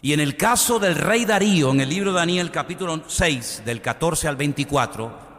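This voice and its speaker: A man preaching a sermon with a fairly high voice that carries a long, ringing reverb. He swings between soaring, forceful passages and low, quiet asides as he reads scripture aloud. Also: lively intonation, moderate pace. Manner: dramatic preaching with sudden swings in pitch and loudness. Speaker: pastor.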